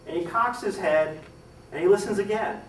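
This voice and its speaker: Brief: male storyteller, slightly high voice, dramatic, acts out lines, distant mic in a roomy hall. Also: normal speed, a little hiss or hum. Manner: dramatic, acts out quoted lines with rising pitch and volume. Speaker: historical storyteller giving a talk. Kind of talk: live storytelling to an audience. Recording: echoey room, distant mic, faint ambience.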